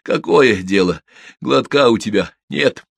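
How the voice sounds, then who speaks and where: A man voicing a rough, hoarse drunk criminal watchman who talks in coarse slang. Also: lowish voice, lively intonation, unhurried, dry recording, clean studio sound, exaggerated voice. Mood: gruff.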